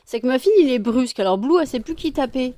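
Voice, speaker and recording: Woman, casual vlog chat, hesitant and chatty, slightly high pitch, dry close recording. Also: animated, fast, dark tone, no room sound. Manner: chatty, many hesitations, scolding pets affectionately. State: tired. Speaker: vlogger.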